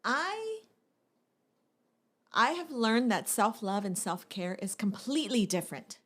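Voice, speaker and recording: A woman co-hosting a podcast in casual chat, playful and quick to jump in with laughs. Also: on the high side, animated, a bit bright. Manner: playful, interjecting, laughs easily. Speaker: podcast co-host.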